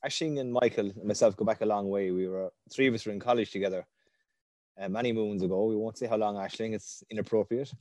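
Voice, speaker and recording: A man's voice: fairly low pitch, steady tone, quick pace, a little mellow. A man with an Irish accent hosting an interview in a conversational style. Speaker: interview host.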